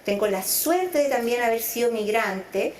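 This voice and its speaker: This guest, a middle-aged psychologist born in Chile and raised in Venezuela, reflects carefully during an interview, lengthening words for emphasis. Her expressive voice sits on the high side and moves a little slowly. The sound is roomy with slight background noise.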